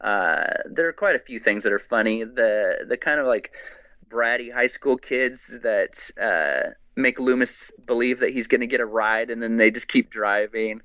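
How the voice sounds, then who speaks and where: A man guesting on a podcast, chatting excitedly and rambling with many restarts. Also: mid-range voice, normal speed, dry recording, muffled recording. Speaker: guest, horror writer. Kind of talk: casual podcast chat.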